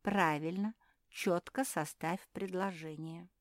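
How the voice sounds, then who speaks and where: A woman voicing a patient, kindly female fairy who speaks in a calm, gently instructive way. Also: fairly low pitch, takes it slowly, no room sound, studio quality.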